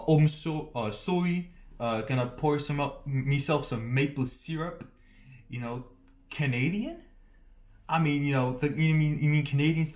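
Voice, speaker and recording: A man giving a joking, mock-serious conspiracy rant as a YouTuber, rambling and often restarting his sentences. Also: mid-range voice. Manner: rambling, self-interrupting, half-joking deadpan.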